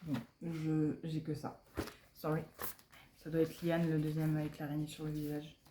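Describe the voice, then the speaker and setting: A young woman chatting casually as she unboxes albums, giggling often and muttering asides softly. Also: sits low, completely flat delivery, moderate pace. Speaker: unboxing vlogger. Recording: echoey room, faint background noise.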